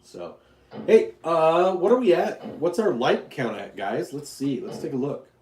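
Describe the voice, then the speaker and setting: A man's voice: on the high side, big pitch swings, unhurried, a little mellow, reverberant, a little hiss or hum. A man from Utah hosting a casual live stream, rambling, joking and answering questions from his chat. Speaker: YouTube livestream host.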